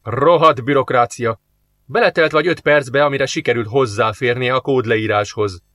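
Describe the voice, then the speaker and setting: A man at a middling pitch narrates an audiobook with a steady, measured delivery. The sound is close and dry, with no room around it. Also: no room sound. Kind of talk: scripted narration.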